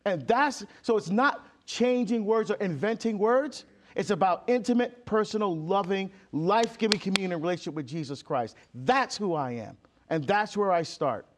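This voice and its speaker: A man's voice: high-pitched, animated, moderate pace, hardly any pauses, a little hiss or hum. A man from Barbados, a deacon and author, speaking emphatically as an interview guest and acting out quoted exchanges. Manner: emphatic, acts out quoted exchanges, many fillers and restarts. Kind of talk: impassioned conversational interview.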